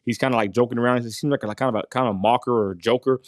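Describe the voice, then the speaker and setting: In a studio-quality recording with no room sound, a man from West Texas narrates his street interview as a casual voice-over. His medium-pitched voice stays steady and fast. He's folksy, addresses viewers as y'all, and fills his talk with fillers and asides.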